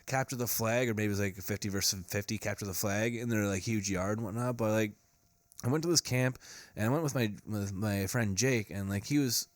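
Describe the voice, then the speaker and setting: A man's voice: on the low side, fairly quick, no room sound, clean studio sound. A young man from Michigan telling a long story on a casual podcast, full of fillers and restarts. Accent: Upper Midwest American. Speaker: podcast co-host. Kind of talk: casual chat.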